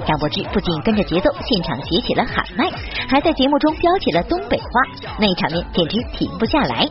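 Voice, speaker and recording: A woman's voice: medium pitch, very animated, quick pace. A woman reading scripted narration for an entertainment news report. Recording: slightly dull sound over loud music.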